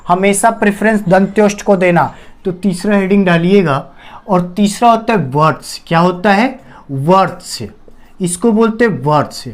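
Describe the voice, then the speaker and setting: A male teacher giving a lecture, asking the class questions, answering them himself, and saying each sound slowly and repeatedly. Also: high voice. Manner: drills sounds slowly with repetition. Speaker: Hindi teacher.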